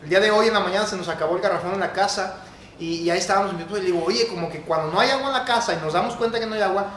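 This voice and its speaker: A man with a Mexican accent preaching a sermon as pastor, swinging between loud exhortation and hushed asides, often calling listeners brother. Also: high-pitched, racing, echoey room, slight background noise.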